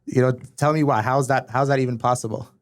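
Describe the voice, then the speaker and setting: A man's voice: mid-range voice, steady tone, quick pace, no room sound, studio quality. A man hosting a casual political discussion, asking curious, probing questions. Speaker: host.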